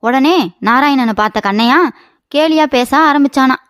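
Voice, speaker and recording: A woman's voice: sits high, moderate pace, a bit bright, no room sound, clean studio sound. A woman narrating a children's comedy story in a folksy storytelling manner. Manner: folksy storytelling, lines ending in "they say".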